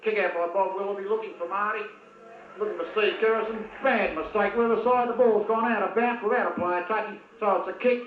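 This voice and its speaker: Blunt, partisan football caller with a high voice, recorded in an echoey space. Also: male voice, steady tone, fairly quick. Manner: blunt, opinionated, heckles players by name. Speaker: football commentator. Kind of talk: partisan amateur match commentary. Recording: tinny lo-fi old video with echo.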